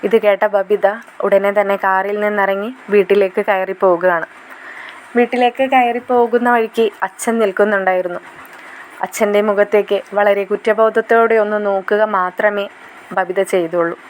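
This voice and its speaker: A woman retelling a TV serial episode as a measured, dramatic story. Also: mid-range voice, steady tone, slight background noise, rough recording. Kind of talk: emotional story narration.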